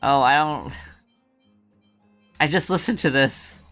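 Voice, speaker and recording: A woman's voice: low-pitched, slow pace, fairly bright tone. A woman streamer giving offhand, joking commentary while she plays, swearing and laughing at the game. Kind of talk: casual gameplay commentary. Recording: game music behind.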